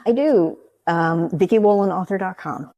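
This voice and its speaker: Mellow, low-voiced woman author. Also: moderate pace, no room sound. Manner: rambling, explains at length, spells names out. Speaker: author guest. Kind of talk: casual interview chat.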